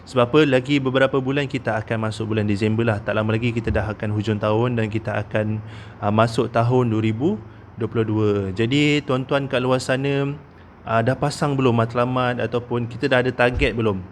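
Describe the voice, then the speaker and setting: A man in his thirties with a Malaysian Malay accent gives a casual investment talk as a consultant, sprinkling in lots of "ah" fillers and "okey?" tags. His mid-range voice stays fairly level in pitch and moves at a brisk pace, with a slight hiss or hum in the background.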